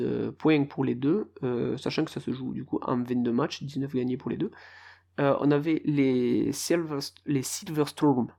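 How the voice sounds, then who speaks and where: On his relaxed one-man podcast, a host with a gravelly, mellow, mid-range voice rambles along, laughing at himself whenever he stumbles over team names from abroad.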